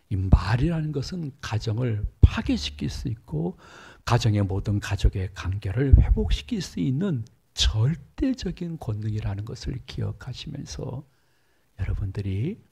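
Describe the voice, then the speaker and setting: A man's voice: gravelly, dark tone, breathy edge. A middle-aged male pastor preaching in a church, telling a story and acting out the voices in it. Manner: storytelling, acts out dialogue with big pitch jumps. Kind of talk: sermon. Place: church sanctuary.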